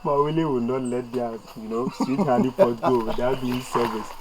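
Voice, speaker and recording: A man's voice: medium pitch, steady tone, moderate pace, crowd noise, natural voice, rough recording. A man playing a boastful, womanizing teacher in a youth drama, swaggering and laughing. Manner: laughing, swaggering, loud exclamations. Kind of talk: low-budget youth drama acting.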